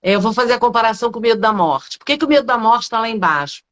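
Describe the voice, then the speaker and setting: A woman's voice: fairly high pitch, lively intonation, very fast, fairly bright tone, highs cut off. A middle-aged woman with a Brazilian Portuguese accent, a public speaking coach explaining ideas as a guest in a live interview, posing rhetorical questions and adding frequent tag questions.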